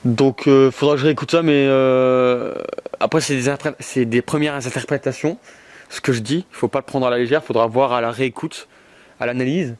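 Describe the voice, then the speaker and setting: Wearing headphones and carrying a portable recorder, a ghost-hunting vlogger investigates an abandoned brickworks by himself. Uneasy and halting, he thinks out loud full of fillers and calls out loudly to spirits, his mid-range voice steady and fairly quick.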